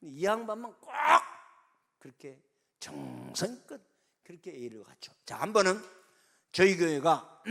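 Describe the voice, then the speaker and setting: A man's voice: high-pitched, huge pitch swings, a little slow, vocal fry. A middle-aged male pastor telling a story in a revival sermon, acting out the voices of the people he quotes.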